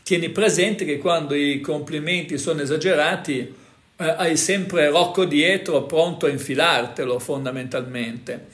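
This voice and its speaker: A man's voice: fairly high pitch, fairly even intonation, a little slow, a bit bright, echoey room. A man hosting a casual talk, explaining things to viewers in a conversational way, full of fillers and tag questions. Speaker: host.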